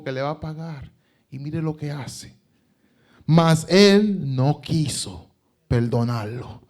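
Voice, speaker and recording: A male pastor delivers a sermon at a slow, deliberate pace, his voice sitting a little high for a man. He presses his points with emphatic retelling and pointed rhetorical questions. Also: darkish tone.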